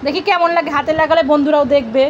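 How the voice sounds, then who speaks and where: Mom filming her kids, teasing and animated, really high voice, light background hiss. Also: racing, highs cut off. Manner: animated, teasing, talks to viewers as friends. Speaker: mother filming her children. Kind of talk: playful family vlog talk.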